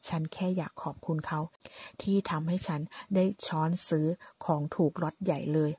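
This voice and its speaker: A woman's voice: low-pitched, steady tone, normal speed, darkish tone, husky, dry recording. A woman voicing a cold, scheming businesswoman boss who speaks in a cool, cutting, taunting way.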